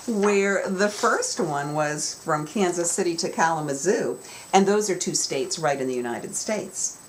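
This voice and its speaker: Speaking in a fairly low pitch, this woman is a children's author teaching young students. She explains with emphasis, much like telling a story, and background noise is clearly audible in the recording.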